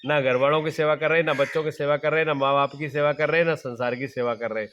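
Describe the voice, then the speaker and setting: A middle-aged preacher gives a devotional talk built on rhetorical questions he answers himself and folksy everyday examples he repeats. His fairly high, fairly bright voice stays fairly even as he speaks at a quick pace, with slight background noise behind him.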